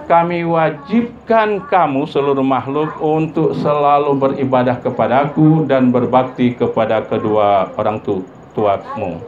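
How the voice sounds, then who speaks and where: A man giving a sermon, his voice jumping high for emphasis as he acts out everyday family dialogue. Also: measured pace. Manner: lively pitch leaps, acts out dialogue of parents and children. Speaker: preacher. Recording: dull lo-fi recording with faint ambient noise.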